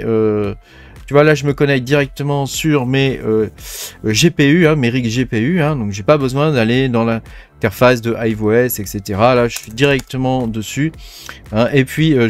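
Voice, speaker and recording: A man hosting a casual screen-share tech tutorial, talking informally to the viewer with many fillers. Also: medium pitch. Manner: chatty, informal, frequent "hein" and "tu vois" fillers.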